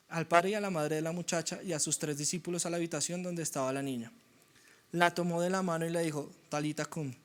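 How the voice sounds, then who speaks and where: A young man preaching a sermon, animated and acting out the voices of doubters. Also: a little high. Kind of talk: sermon teaching.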